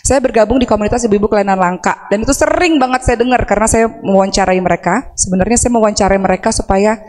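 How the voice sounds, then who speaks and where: A woman's voice: medium pitch, rapid-fire, darkish tone. A woman preacher talking casually to a women's audience, asking them questions and acting out anguished prayers. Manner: conversational, asks the audience questions; acts out anguished prayers in a raised voice. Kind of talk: religious talk to women. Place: large mosque hall. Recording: long hall reverb.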